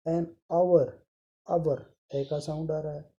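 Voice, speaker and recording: A male teacher gives an online grammar lesson, sounding each word out slowly and addressing his pupils with affection. His voice is dark and mellow, with a gravelly edge of fry. He is patient and repeats himself often. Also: on the high side, flat delivery, dull audio.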